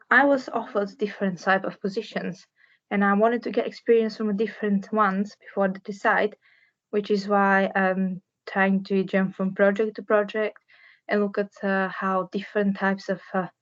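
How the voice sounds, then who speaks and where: Young woman from Bulgaria, structural engineer, career talk, flat even delivery, dull lo-fi sound. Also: medium pitch. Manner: earnest, plain, with restarts and searching for words.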